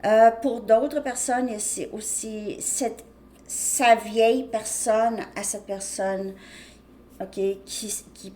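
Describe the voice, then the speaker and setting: A woman's voice: on the high side, steady tone, drawn-out words, darkish tone. A woman giving a casual tarot reading to her viewers, talking loosely and restarting her sentences often. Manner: loose, rambling speech with frequent restarts. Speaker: tarot reader.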